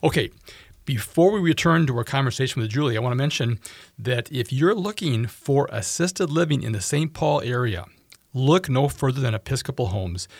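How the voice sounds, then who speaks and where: A man's voice: mid-range voice, dry recording. A man hosting a radio show, reading announcements and sponsor copy.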